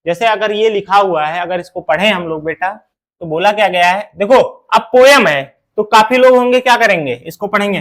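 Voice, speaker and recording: A man teaching a poetry lesson to students, calling them "beta", asking questions and answering them himself, and chanting the verses slowly. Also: high-pitched, a bit bright. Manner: addresses students as "beta", asks and answers his own questions. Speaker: Hindi teacher. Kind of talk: classroom lesson explaining poetry.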